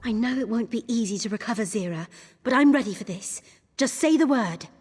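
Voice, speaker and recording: An actress playing a keen, earnest young thief and climber in a game cutscene. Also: female voice, a little high, lively intonation, a little fast, a little mellow, slightly rough, in a large hall. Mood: eager. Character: eager young woman thief, nimble climber.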